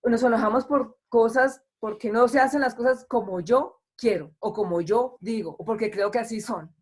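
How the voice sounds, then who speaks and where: A woman's voice: on the high side, normal speed, a little mellow, slightly rough. A woman pastor preaching an online sermon in a conversational way, acting out the complaints of the people she quotes.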